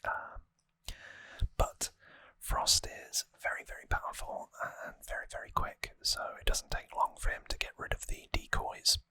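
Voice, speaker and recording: Speaking only in a bright, crisp whisper, the ASMR host goes over trivia casually, slowly and softly with a touch of hesitation. The mic is close, the sound dry, with no echo at all.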